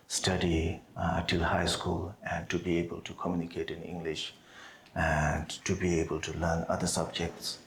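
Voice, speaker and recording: A male monk who heads a monastery and teaches Buddhism gives opening remarks before a teaching, speaking in a deep, flat voice. A native Tibetan speaker, he talks haltingly with many pauses and fillers. The recording comes from a roomy monastery hall with faint background noise.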